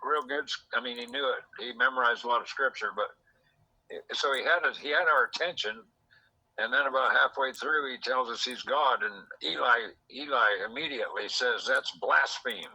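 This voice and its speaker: A man's voice: medium pitch, normal speed, bright, forceful tone, poor audio. A man telling a rambling story in casual chat, quoting people in dialogue, recorded in a secretly taped conversation. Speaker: host.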